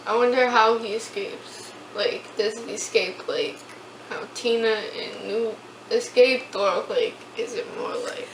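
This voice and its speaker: A woman co-hosting a casual fan chat, speaking quietly in a playful, low-key way. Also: steady tone, measured pace, roomy sound, far from the mic, a little hiss or hum, rough recording. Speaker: co-host.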